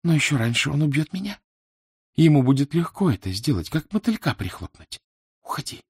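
A male reader voicing a young Japanese woman, a secretive lover who speaks in a hushed, pleading way. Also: a little high, very animated, fairly quick, husky, no room sound, clean studio sound, voice pushed up, full character voice. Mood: nervous. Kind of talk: audiobook character voice.

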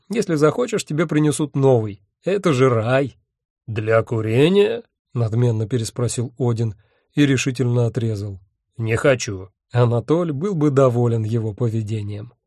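Wry, mellow-voiced male audiobook narrator. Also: mid-range voice, no echo, studio quality. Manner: wry, ironic storytelling with lively dialogue. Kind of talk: first-person audiobook narration.

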